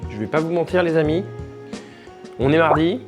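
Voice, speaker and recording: A man's voice: a little high, normal speed, soft background music. A young French man talking casually to his camera in a home vlog, chatty, with restarts and fillers. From France. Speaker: vlogger and language teacher.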